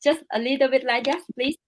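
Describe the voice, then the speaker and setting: A woman with a Vietnamese accent hosting a casual livestream over a video call, talking with many fillers and pauses. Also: high voice, a little hiss or hum. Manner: hesitant, many fillers, broken English. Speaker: livestream host.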